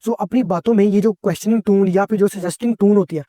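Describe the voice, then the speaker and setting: High-voiced man. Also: steady tone, fast, warm tone, dry recording. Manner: instructive, mixes English phrases into Urdu. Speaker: content creator. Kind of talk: motivational self-help talk.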